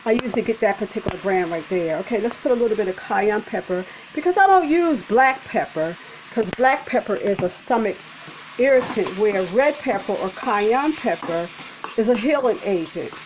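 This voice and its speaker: A woman's voice: mid-range voice, expressive, normal speed. Chatty woman cooking over a sizzling pan. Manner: chatty, rambling, self-correcting. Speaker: vlogger cooking a vegan breakfast. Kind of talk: casual cooking demonstration. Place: home kitchen. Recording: kitchen noise and pan sizzle. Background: food sizzling in a pan.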